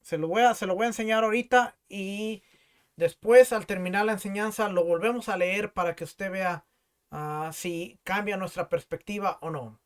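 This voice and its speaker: A man with a notably high-pitched voice teaches from scripture as a pastor, with a Mexican Spanish accent. He reads verses aloud and explains them patiently, often repeating himself as he looks for his place. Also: moderate pace. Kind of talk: teaching sermon with scripture reading.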